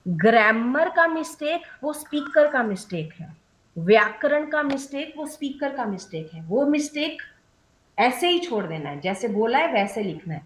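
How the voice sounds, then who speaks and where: A woman's voice: a little high, big pitch swings, moderate pace, fairly bright tone, slight background noise, low-quality recording. A young adult woman leading a training session, explaining rules step by step, mixing English terms into her Hindi and checking often that the trainees follow.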